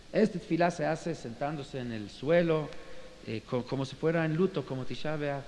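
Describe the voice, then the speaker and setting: Male rabbi, storytelling lecture, fairly high voice, reverberant room. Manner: animated, with frequent fillers and restarts. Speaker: rabbi teaching. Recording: reverberant room with faint hiss.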